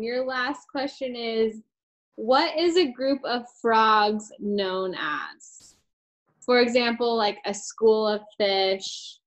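A woman's voice: fairly high pitch, poor audio. A woman asking quiz questions in casual chat, easygoing and chuckling between hints. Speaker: quiz asker on a staff podcast.

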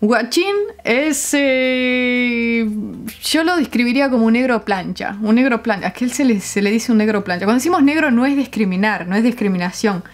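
A young Uruguayan woman vlogging casually, explaining her slang with frequent laughs and pauses to find the right words. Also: on the high side, lively intonation. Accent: Uruguayan Spanish. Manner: chatty, laughs often, searches for words.

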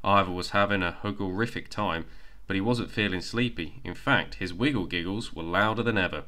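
Deep-voiced man reading a bedtime story. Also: fairly quick, sharp tone.

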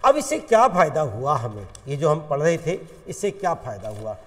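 A man with an Indian accent, teaching a chemistry lecture in an animated, coaxing way and addressing students as friends. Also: fairly high pitch, brisk, long reverb tail. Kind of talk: classroom lecture.

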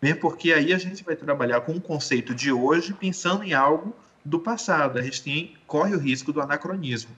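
A man giving a measured, explanatory talk in an educational conversation, often rephrasing himself. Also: fairly high pitch, a bit bright, highs cut off. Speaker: guest lecturer.

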